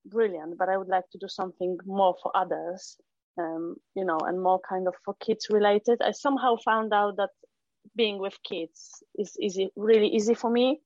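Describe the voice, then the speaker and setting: A middle-aged woman from Poland, founder of a children's arts venue, is a casual interview guest whose Polish-accented speech is full of restarts and "um"s. Her medium-pitched voice is slightly mellow, with fairly even intonation and normal speed. The sound is lo-fi with no echo.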